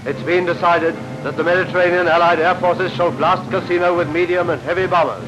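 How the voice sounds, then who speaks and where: A man narrating a 1940s newsreel in a brisk, declamatory announcing manner, with the sound of an old newsreel. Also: high voice, fairly even intonation. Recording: dull lo-fi 1940s newsreel soundtrack under loud music.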